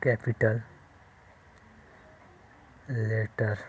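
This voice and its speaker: A man giving a maths lesson at a board, explaining step by step slowly and often checking that the class follows. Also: fairly low pitch, level tone, a little mellow, husky. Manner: slow, repetitive explaining with frequent check-ins. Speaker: maths teacher.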